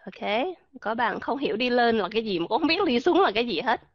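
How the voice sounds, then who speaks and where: High-pitched woman teaching pronunciation. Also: sing-song, fast, dry recording, muffled recording. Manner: demonstrates sounds, asks listeners questions. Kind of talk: pronunciation lesson.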